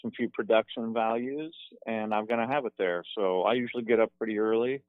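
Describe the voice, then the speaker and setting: A smooth, relaxed man calling in to a radio show, chatting casually in frat-bro slang over a lo-fi phone line. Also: lowish voice, fairly quick, dry recording. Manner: laid-back frat-bro slang, often saying "bruh". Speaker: call-in guest, past contest champion. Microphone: telephone.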